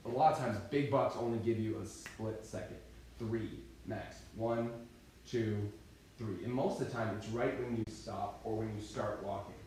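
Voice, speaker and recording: A young man giving a live seminar talk, telling hunting stories fast and animated, checking in with the audience again and again. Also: fairly low pitch, recorded from a distance, slight background noise. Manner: fast and animated, keeps asking "right?". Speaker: seminar co-presenter, deer hunter. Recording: echoey hall, mic from afar.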